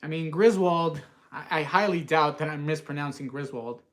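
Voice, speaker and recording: A man's voice: on the high side, steady tone, moderate pace. A man from the US West Coast hosting a live cast iron cooking stream, chatting casually and reading out viewer comments with many uhs. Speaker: cooking channel host.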